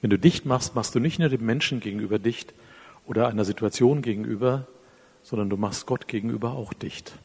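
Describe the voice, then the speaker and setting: A man preaching a sermon, speaking directly to his listeners, acting out little dialogues and dropping to quiet phrases at the ends of lines. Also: medium pitch, brisk, gravelly, husky. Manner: drops to soft, quiet phrases at line ends. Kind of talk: sermon with a closing prayer.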